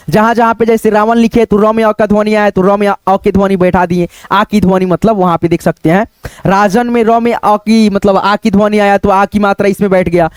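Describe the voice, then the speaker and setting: A man teaching Hindi writing online, dictating words slowly and breaking them into syllables, often checking in with his students. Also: high voice, clear, resonant tone, dry recording. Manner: slow, patient dictation, repeating words syllable by syllable; keeps checking in with "ठीक है" and "दोस्तों".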